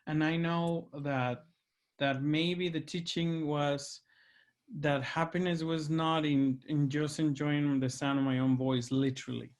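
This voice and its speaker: Hosting a reflective conversation, a man with a Mexican accent speaks earnestly and searches for his words. His voice sits on the high side, with a flat delivery and a measured pace.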